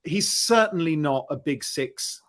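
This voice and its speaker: A man with a slightly high voice chats about football as a podcast panellist. He is emphatic, working through his points aloud and often turning them into rhetorical questions. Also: animated, measured pace, fairly bright tone. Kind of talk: casual football discussion.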